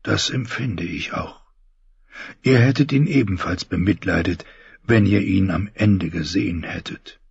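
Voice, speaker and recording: A male audiobook narrator voices a weary, regretful holy man in his forties who was once a knight, speaking low and slow with a gravelly, husky rasp and quiet confessional calm. The performance is heavily acted, and the dull, muffled recording sounds close, with no echo.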